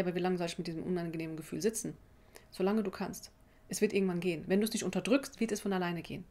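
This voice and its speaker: Female presenter, thirties, native Arabic speaker, medium pitch, direct and conversational self-help explainer. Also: a little mellow. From Tunisia. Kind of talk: informal explanatory talk to camera. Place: small office indoors.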